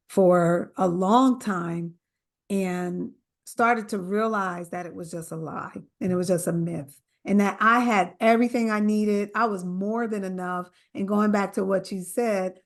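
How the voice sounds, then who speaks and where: A middle-aged woman from New Jersey, an author speaking earnestly and emphatically in an interview. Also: mid-range voice. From New Jersey, USA. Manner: earnest, emphatic, quotes others in animated voices. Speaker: author guest. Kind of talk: interview conversation.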